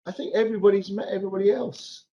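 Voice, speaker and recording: A man's voice: high voice, little pitch movement, racing, dark tone. A middle-aged man chairing an informal meeting, hesitant and often repeating his words. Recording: dull lo-fi video call audio.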